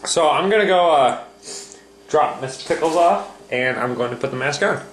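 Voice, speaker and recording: A young American man giving a casual mock product review in a deadpan, halting, sweary way on a handheld camera at home. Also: fairly high pitch. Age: young adult. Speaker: video host. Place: indoors at home. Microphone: handheld camera at arm's length. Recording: echoey room, noisy handheld camera audio.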